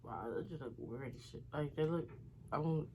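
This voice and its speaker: A woman's voice: low-pitched, moderate pace, dark tone, slight background noise, rough recording. A woman vlogger talking casually and slangily to viewers while she eats, rambling between savoring hums. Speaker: mukbang vlogger. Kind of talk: casual eating-show chat to viewers.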